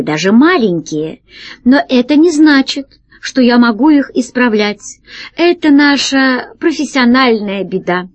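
A woman voicing a small, quiet but stern male alien who foresees disasters, in a measured storybook reading. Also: fairly high pitch, voice pushed up. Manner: soft, measured, then stern and ominous.

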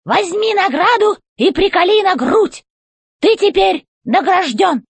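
Woman doing a shrill bossy robot chief. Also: expressive, measured pace, no echo, heavily acted. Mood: pompous commanding. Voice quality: creaky, squeaky voice. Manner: barks orders, shouts.

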